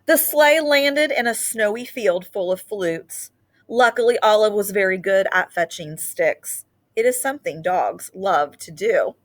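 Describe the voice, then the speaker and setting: Reading a children's picture book aloud, this woman storyteller uses a mid-range voice. She keeps the delivery lively and lingers on key words to emphasize them.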